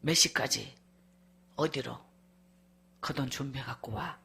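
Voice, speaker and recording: A woman puts on a cold, demanding middle-aged husband. He barks short orders in a low, husky voice and spits out each threat. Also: measured pace, bright, forceful tone, heavily acted. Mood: threatening.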